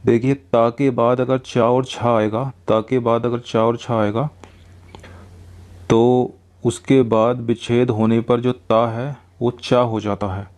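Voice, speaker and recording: A male teacher walks through grammar rules one example at a time. He says each rule twice, patiently, and often pauses to check that it has sunk in. His voice sits at an ordinary middle pitch. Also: level tone, a little mellow. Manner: explains slowly, repeats each rule. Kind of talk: grammar lesson.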